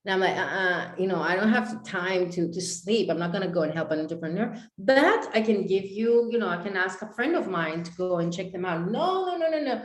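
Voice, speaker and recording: A woman's voice: on the low side, a little fast, hardly any pauses. A young adult woman from Greece, a life coach, telling a personal story to a live online audience and acting out both sides of each conversation. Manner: animated, acts out both sides of dialogues. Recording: echoey room.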